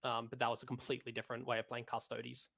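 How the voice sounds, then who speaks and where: An Australian man joins a gaming podcast as a guest, speaking over a call with a gravelly, creaky edge. His voice is bright and sharp, and he weighs his points in a measured, hedging way. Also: mid-range voice, monotone. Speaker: podcast guest, tournament player. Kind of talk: casual gaming podcast chat.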